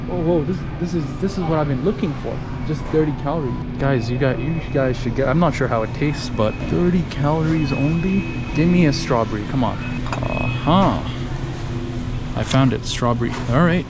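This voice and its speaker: A young man in casual vlog chat, excitable and chatty, talking to a handheld camera in a store and a parked car. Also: fairly high pitch, moderate pace. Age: young adult. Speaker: fitness vlogger. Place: grocery store, then parked car at night. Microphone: handheld camera at arm's length. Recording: noisy background.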